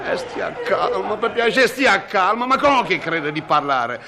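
A man's voice: high voice, very animated, a little slow, a crowd in the background, full character voice. A man playing a touchy, sarcastic television cameraman in a vintage comic sketch, grumbling and arguing back at his boss. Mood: mocking. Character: touchy, sarcastic male TV cameraman, stubborn and quarrelsome.

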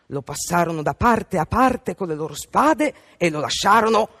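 A woman narrating a fairy tale on the radio in an expressive, dramatic way. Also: lowish voice, normal speed, vocal fry, no echo, studio quality. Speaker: storyteller.

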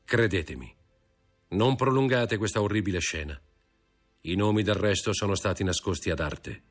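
A man voicing a hushed, anxious magistrate. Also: sits low, moderate pace, soft background music. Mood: tense hushed. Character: grave magistrate father, anxious, evasive. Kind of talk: audiobook reading of a novel.

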